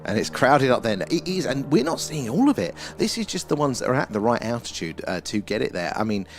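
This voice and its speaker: A man's voice: mid-range voice, very animated, a little fast, soft background music. A man with an Essex accent hosting a livestream, chatting casually and answering viewers in a rambling, conversational way. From Essex, England. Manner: rambling, conversational, often ends phrases with "there". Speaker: livestream host. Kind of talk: casual live commentary, answering chat.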